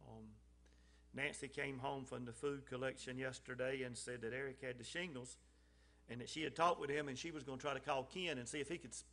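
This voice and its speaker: A man serving as a lay speaker at a church service gives an informal message in a medium-pitched voice that sounds pushed and bright. He talks a little fast with fairly even intonation, keeping it folksy and conversational with plenty of ums and restarts. On key phrases his emphasis rises.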